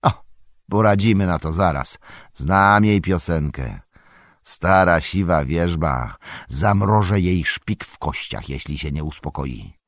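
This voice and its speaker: A man putting on a jolly, boisterous old forest spirit from a storybook, booming and singsong. The voice leaps up bright and loud over a deep base and swings widely. Recorded dry and close. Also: lively intonation, slow, no echo, full character voice. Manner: booming, singsong, merry and bossy. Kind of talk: audiobook character voice.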